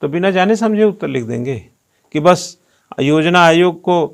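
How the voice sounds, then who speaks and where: A man's voice: a little high, expressive, moderate pace, gravelly. A male coaching teacher giving a classroom lecture, firing rhetorical questions at students and teasing them while he drills pronunciation.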